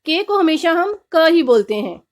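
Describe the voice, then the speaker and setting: A woman teaching English letter pronunciation, slowly and deliberately spelling out letters and listing example words. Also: very high-pitched, very animated. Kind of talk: slow instructional explanation.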